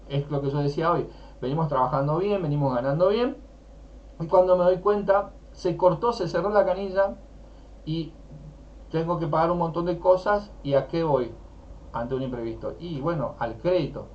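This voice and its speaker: A man's voice: fairly high pitch, moderate pace. A man with a Rioplatense accent teaching personal finance, speaking emphatically and asking rhetorical questions while nursing a sore throat. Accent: Rioplatense Spanish. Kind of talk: teaching talk. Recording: dull lo-fi with faint noise.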